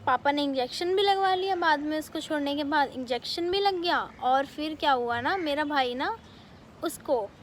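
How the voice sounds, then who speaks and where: High-voiced young woman telling a story. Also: slight background noise. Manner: animated retelling, quick bursts, many fillers. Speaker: vlogger. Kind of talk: casual storytelling vlog.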